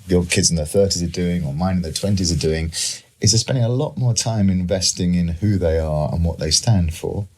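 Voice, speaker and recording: Speaking fairly quickly in a low, darkish voice, a middle-aged British man, an economist and author, is a guest on a panel. He explains ideas reflectively and illustrates them with examples.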